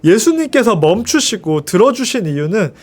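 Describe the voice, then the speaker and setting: A man teaching at a children's worship service, telling a Bible story in an animated, expressive way and putting questions to the children. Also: high voice, moderate pace.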